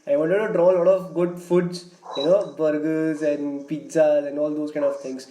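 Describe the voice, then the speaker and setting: A man's voice: fairly high pitch, little pitch movement, normal speed, mellow. A man, chatting nostalgically on a video call with lots of fillers. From North Karnataka, India. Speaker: panel guest. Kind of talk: casual group conversation. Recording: echoey room with noise behind.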